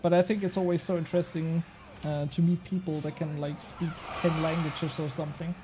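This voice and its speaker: A young Swiss man, a native Swiss German speaker, streams a game and chats casually with viewers, rambling, mocking himself, swearing offhandedly and laughing a lot. His voice is a little high, flat and brisk, with background noise audible.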